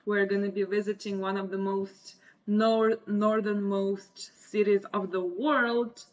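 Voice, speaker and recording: A woman's voice: medium pitch, flat delivery, a little slow. Russian-accented young woman, muffled lo-fi stream. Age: 20s. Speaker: livestream host. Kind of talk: casual livestream chat. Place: small indoor room. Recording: muffled lo-fi webcam stream audio.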